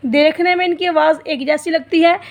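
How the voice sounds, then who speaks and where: A woman's voice: extremely high pitch, fairly even intonation, normal speed. A woman teaching a Quran reading lesson for beginners, patiently explaining each letter and drawing out its sound to demonstrate it. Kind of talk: slow step-by-step lesson.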